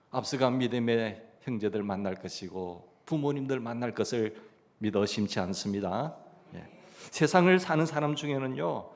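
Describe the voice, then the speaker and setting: Storytelling Korean pastor preaching a sermon. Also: male voice, medium pitch, a little mellow. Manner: storytelling preacher, asks the congregation questions. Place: church sanctuary.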